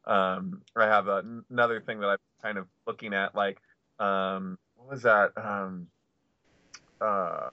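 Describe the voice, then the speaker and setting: A man in casual podcast chat, talking in a halting way with constant "like" and many restarts. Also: lowish voice, fairly even intonation, no room sound. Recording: dry, lo-fi audio.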